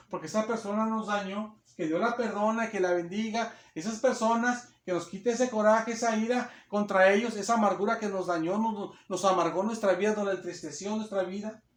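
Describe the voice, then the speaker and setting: A man's voice: high-pitched, steady tone, a little fast, few pauses. A man preaching a sermon, emphatic and repetitive, often checking in with his listeners, recorded on a phone in a church hall. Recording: echoey room on a phone.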